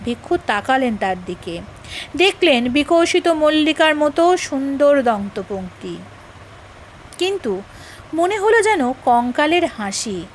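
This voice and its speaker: A woman giving an expressive literary reading of a devotional biography in a measured voice. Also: high voice, a little hiss or hum, rough recording. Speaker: reader.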